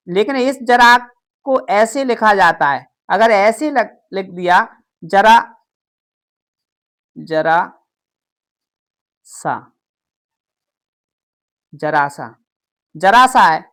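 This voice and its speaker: A woman's voice: mid-range voice, expressive, extremely slow, long pauses, a bit bright. A woman teaching a grammar lesson, who keeps asking questions and answering them herself. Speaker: Hindi teacher.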